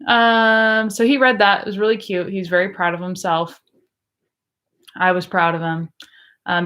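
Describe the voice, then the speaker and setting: Chatty lower-voiced teacher woman vlogging. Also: fairly bright tone. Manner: chatty, rambling, frequent ums and likes. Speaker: English teacher. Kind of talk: casual vlog chat.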